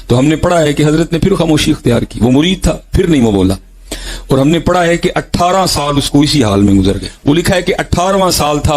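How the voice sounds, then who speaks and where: Preacher man telling a story. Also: fairly high pitch. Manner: rhetorical, repeatedly addressing listeners as "Hazrat". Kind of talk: devotional storytelling sermon.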